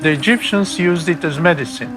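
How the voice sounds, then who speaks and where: An older man from Bulgaria, a research scientist, recounting his work slowly and deliberately in a documentary interview. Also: a little high, music in the background.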